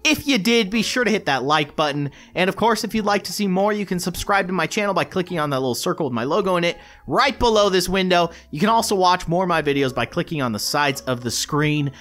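Excitable young man playing a game. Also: high voice. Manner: excitable, chatty, quick reactions. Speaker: gaming YouTuber. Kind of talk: casual let's-play commentary.

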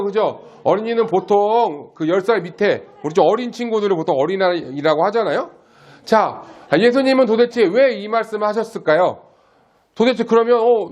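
High-voiced man preaching simply. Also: dull audio. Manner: simple, slow-paced teaching with questions to the congregation. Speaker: pastor.

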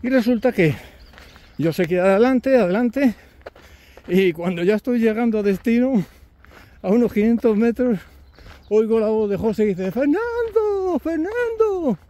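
A man's voice: sits high, moderate pace, long pauses, warm tone. A man, telling chatty anecdotes on camera while walking a rural trail, chuckling and acting out his companions' lines. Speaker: pilgrim vlogger.

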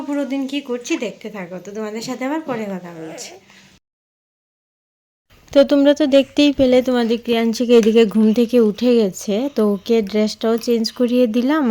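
A woman's voice: fairly high pitch, a little hiss or hum. A young mother from West Bengal, narrating her day at home in a casual, homely vlog voice-over. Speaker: vlogger, mother.

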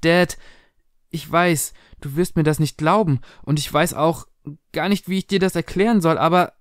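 A man voicing a frightened teenage daughter who talks high, excited and breathless, in a spoken storybook reading. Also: normal speed, clean tone, dry recording, clean studio sound, close to an everyday voice.

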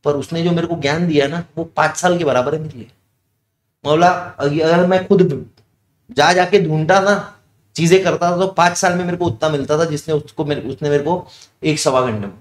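A man's voice: on the high side, steady tone, moderate pace. A young male teacher talking with his students in a chatty aside, asking questions and then answering them himself. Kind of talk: casual classroom digression. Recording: echoey room.

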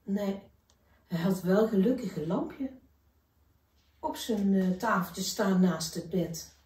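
Slow gentle woman telling a story. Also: mid-range voice, recorded from a distance. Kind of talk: reading a children's story aloud. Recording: echoey room, voice from afar.

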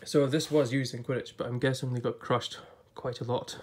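This man's mid-range voice is husky and darkish, steady in tone and fairly quick, and slightly off from a recent illness. A YouTuber at a table with a blue backdrop behind him, he flips through an illustrated book for a casual review, chatting and thinking out loud.

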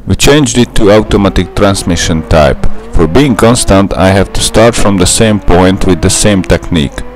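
A young man, a native Hungarian speaker with a Hungarian accent, narrates a scripted gameplay tutorial carefully and methodically. His voice is low and his pace moderate, with faint music in the background.

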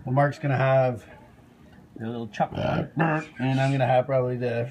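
A man's voice: medium pitch, level tone, moderate pace, darkish tone. A middle-aged man, chatting casually to camera as host of a homemade challenge video. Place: home kitchen. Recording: noisy handheld home video.

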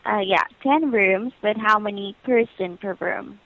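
Over a muffled, lo-fi telephone line, a woman with a medium-pitched voice talks a little slowly. She works as a hotel booking agent and uses polite, patient, formulaic customer-service phrasing.

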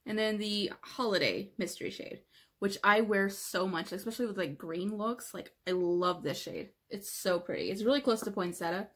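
A woman's voice: medium pitch, moderate pace, a little hiss or hum. Chatty young woman showing her makeup. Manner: chatty, lots of "like" fillers, drops into soft asides. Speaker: beauty vlogger. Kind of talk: casual makeup collection walkthrough.

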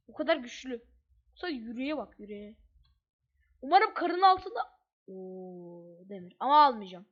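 High-voiced chatty gamer woman. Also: fairly bright tone. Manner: chatty, thinks aloud, slangy asides. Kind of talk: casual gameplay commentary. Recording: dull lo-fi mic.

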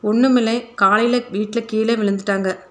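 A woman's voice: on the high side, steady tone, normal speed, lightly acted. A woman narrator reading the lines of a troubled father who speaks earnestly and pleadingly.

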